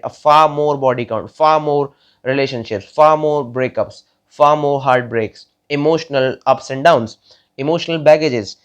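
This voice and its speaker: Halting young man from India, lo-fi. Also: mid-range voice. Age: 20s. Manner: halting, many fillers and repeated words. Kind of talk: casual monologue to viewers.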